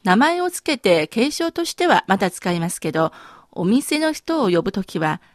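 A woman instructor on a radio language lesson, calmly explaining and modeling words. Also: mid-range voice, normal speed, no room sound, studio quality. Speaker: native-speaker language instructor.

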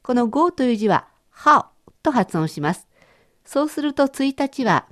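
A Japanese woman teaching a radio language lesson, explaining patiently and clearly. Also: sits high, big pitch swings, unhurried, a bit bright.

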